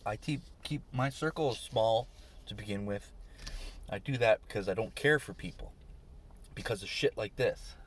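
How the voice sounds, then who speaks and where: A man's voice: on the low side, normal speed, slight background noise. A man, short on sleep, ranting on his vlog, swearing and irritated. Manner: swearing, ranting, rising to shouts. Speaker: vlogger.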